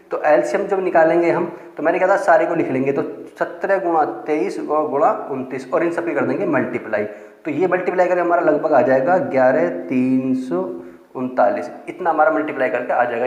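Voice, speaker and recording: A male math teacher works through a problem step by step, asking questions and then answering them himself. His voice sits fairly high for a man. The recording carries a noticeable room echo. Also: darkish tone, muffled recording. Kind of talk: classroom lesson explanation.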